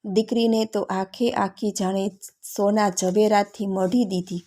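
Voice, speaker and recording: A woman narrating a folk tale in a calm, steady storytelling manner. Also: mid-range voice, a little slow.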